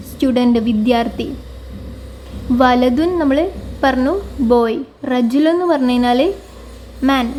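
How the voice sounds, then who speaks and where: A woman teaching an online Arabic lesson over slides, explaining patiently and repeating each phrase slowly. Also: high voice, slight background noise.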